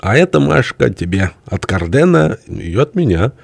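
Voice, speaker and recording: A man's voice: medium pitch, sing-song, normal speed, vocal fry, no room sound, voice pushed up. A man voicing a cocky, hard-drinking male poet who talks with smug triumph in an audiobook.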